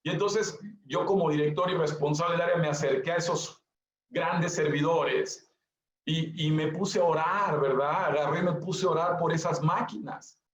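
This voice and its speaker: A man's voice: on the high side, fairly even intonation, normal speed, a little hiss or hum. A male pastor preaching a sermon, stressing points through repetition and speaking straight to his listeners. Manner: emphatic repetition, addresses listeners directly. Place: church hall. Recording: echoey, dull lo-fi church recording.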